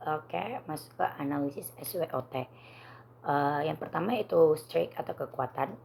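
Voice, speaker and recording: A young woman presents in a formal, careful student style. Her voice is low and hoarse, with plenty of creak. Faint noise sits behind her. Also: moderate pace, a little mellow. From Indonesia. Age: young adult.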